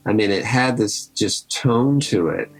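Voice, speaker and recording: Male podcast host, relaxed conversational storyteller, slightly low voice, soft music bed. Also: measured pace, rough recording. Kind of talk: casual storytelling commentary.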